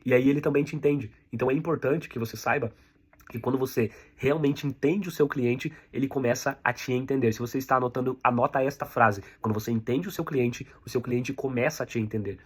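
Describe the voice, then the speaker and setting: A man's voice: mid-range voice, fairly quick, slightly rough. A man with a Brazilian Portuguese accent teaching an online sales lesson, speaking directly to the viewer and repeating key points so they can be noted down. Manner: direct, repetitive coaching, addresses the viewer as you. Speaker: sales instructor.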